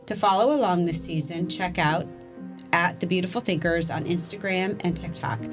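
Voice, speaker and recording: A woman's voice: on the low side, moderate pace, over music. A woman hosting a podcast interview, wrapping up and reading the closing credits. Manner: warm listening, short affirmations and laughs. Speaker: podcast host.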